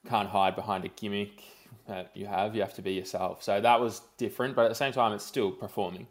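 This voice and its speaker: A man's voice: lowish voice, fairly even intonation, fairly quick. Casual Australian man chatting as guest. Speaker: podcast guest, reality TV contestant. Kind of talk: casual interview chat.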